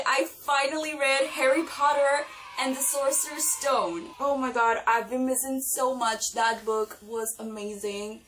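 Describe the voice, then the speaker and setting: An excitable young woman reviews her recent reads in a casual vlog, her slightly high voice bubbling with enthusiasm. She sounds a little distant from the microphone, with faint music playing underneath. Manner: gushing, excitable, animated. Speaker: book vlogger.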